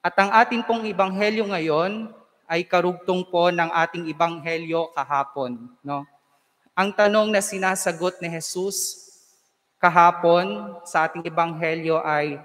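Filipino priest in a big echoing church. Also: male voice, sits high, fairly bright tone. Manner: measured, solemn delivery with conversational asides. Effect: long echo of a large church. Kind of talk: proclaiming the Gospel and preaching a homily. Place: large church. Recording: long church reverb.

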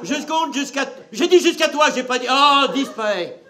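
A man, a comedian on stage, doing a wordplay sketch, shouting and drawing out words for comic effect. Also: very high voice, normal speed. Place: theater stage before a laughing audience. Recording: live stage recording with crowd noise.

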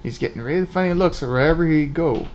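A man's voice: on the high side, fairly quick, a little mellow, dull audio, a little hiss or hum, lightly acted. A man voicing a chirpy, cheeky little male fairy sidekick from a game, in slangy banter. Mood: chatty.

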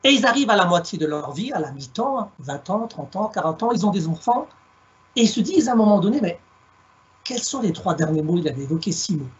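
A middle-aged Alsatian man from France, a guest storyteller, gives a reflective talk over a video call from a home room using a headset, measured in manner and fond of wordplay. His voice is high and slightly rough with lively intonation, though the audio is dull.

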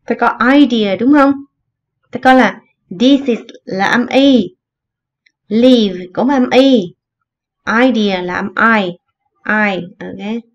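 A woman teaching an English lesson, explaining words in Vietnamese and slowly repeating the English phrases. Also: on the high side, lo-fi sound. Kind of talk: recorded online lesson explaining vocabulary.

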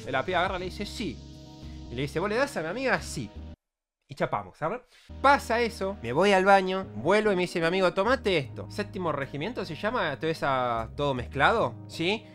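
A man's voice: sits high, brisk, faint music behind. A young man in his twenties with an Argentine accent, a streamer telling a crude, self-mocking story to his chat with lots of slang. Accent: Argentine Rioplatense Spanish. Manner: animated, crude slangy banter, laughs at himself.

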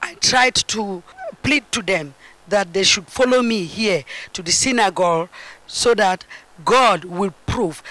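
A middle-aged woman from Cameroon giving an earnest, halting testimony at a church, speaking into a handheld mic on a large indoor stage. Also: mid-range voice, a bit bright, poor audio. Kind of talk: spoken testimony.

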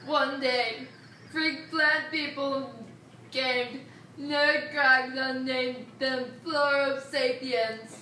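Woman putting on a slow, worried old caveman elder. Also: high-pitched, steady tone, sharp tone, full character voice. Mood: grave, worried. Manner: halting, pleading, surfer-like caveman slang. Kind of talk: reading video game dialogue aloud. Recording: roomy, distant mic, faint noise.

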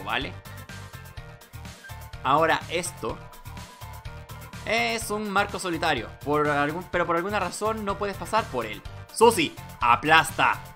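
Woman let's player: casual commentary, animated intonation, sharp bright tone, thinks aloud. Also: deep voice. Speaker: gamer and amateur dubber. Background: game music.

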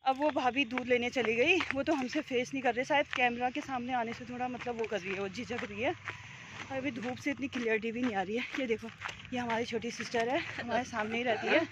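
Woman vlogger, high voice, casual walk-and-talk to a handheld phone, noisy outdoor road. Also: fairly even intonation, brisk. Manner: chatty, teasing, talks to the camera while walking. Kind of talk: casual walking vlog chat. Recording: noisy outdoor street sound.

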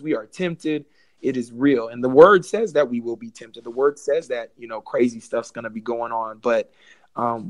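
A man's voice: medium pitch, no room sound. Young male podcast guest, earnest and preachy, mid-range voice, dry recording. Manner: earnest, preachy, addresses listeners as y'all. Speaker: podcast guest, gospel artist. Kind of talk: casual testimony chat.

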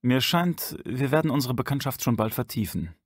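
A man voicing a cryptic, calm hunter with a muscular build and shaven head, speaking tersely and wryly in an audiobook. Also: mid-range voice, moderate pace, no echo, clean studio sound, natural voice. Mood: guarded, wry. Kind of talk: audiobook character voice.

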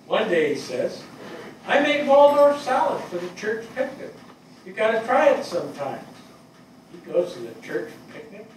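An older man performs a stage play reading as an earnest, plainspoken New York fire captain looking back fondly, his delivery conversational, halting and emphatic. His voice is high-pitched with big swings in pitch. The sound is distant, echoing through the hall with noise.

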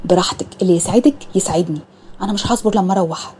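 A woman voicing a playful young man teasing his fiancée, in an Egyptian accent, with a soft, low-keyed delivery. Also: racing, breathy edge. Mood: joking. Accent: Egyptian Arabic.

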